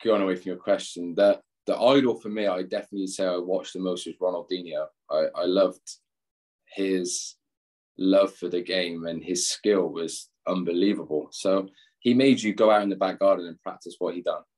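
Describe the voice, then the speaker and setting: A man's voice: low voice, steady tone, normal speed, darkish tone. A young English man, a former footballer, chatting casually as an interview guest, rambling and laughing at himself. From England. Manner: rambling, laughs often, self-deprecating. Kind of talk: casual chat.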